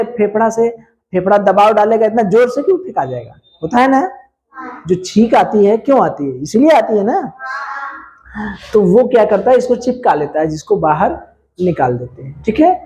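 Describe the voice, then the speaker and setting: A man's voice: high-pitched, a little mellow. A male science teacher, explaining a school lesson in a homely, colloquial way and asking questions he answers himself. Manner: asks rhetorical questions and answers them himself.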